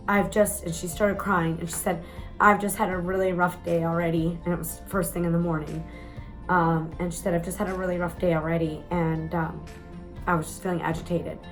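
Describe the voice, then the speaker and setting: A woman's voice: fairly low pitch, rough recording. A woman, telling a candid, chatty story to the camera, with some mild swearing. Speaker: vlogger.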